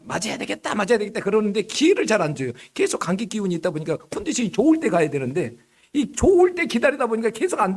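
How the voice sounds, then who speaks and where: A middle-aged man preaching a sermon as pastor, slightly hoarse, telling stories in a lively way and often checking in with the congregation. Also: on the high side. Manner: lively storytelling with frequent rhetorical "응?".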